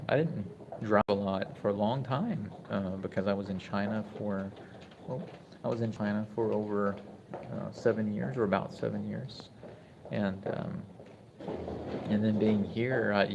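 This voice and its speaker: Very low gravelly man, halting and reflective. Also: fairly even intonation, noisy background. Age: 40s. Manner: reflective, halting, many restarts. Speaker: vlogger on a live stream. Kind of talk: casual live-stream talk reading chat. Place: hospital room.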